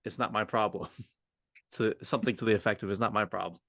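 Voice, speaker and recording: With a lowish, steady, somewhat bright voice and a brisk delivery, this podcast co-host and communication coach talks casually and thinks out loud. The conversational coaching discussion mixes in roleplay, and the studio sound is clean with no echo.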